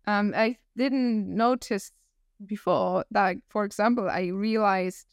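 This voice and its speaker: A woman in her thirties with a northern German accent, a podcast guest telling her story in a reflective, animated way. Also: mid-range voice, slow, clean tone, no room sound, clean studio sound. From northern Germany, near Hamburg. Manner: reflective, animated storyteller who laughs often. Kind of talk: casual interview conversation.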